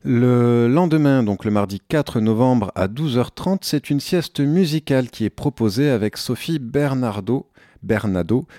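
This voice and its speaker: A local radio host reads out an events agenda in a relaxed manner, with frequent fillers and small self-corrections. His medium-pitched voice comes through clean studio sound with no room sound.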